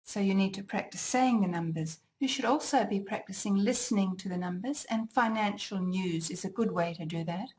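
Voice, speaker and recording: A woman teaching a language exam lesson, deliberately enunciating each word for listening practice. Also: mid-range voice, darkish tone. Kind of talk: slow, clearly articulated lesson.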